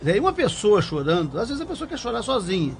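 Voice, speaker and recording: Older judge guy, pretty high voice, thoughtful, kinda halting, repeats words. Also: wildly swooping pitch, vocal fry, slight background noise. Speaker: appellate judge, guest. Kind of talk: reflective conversation.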